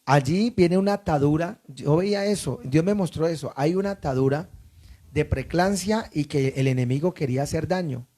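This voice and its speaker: A man's voice: fairly high pitch, moderate pace, warm tone. A man from Colombia who pastors a church, preaching emphatically and asking the congregation questions.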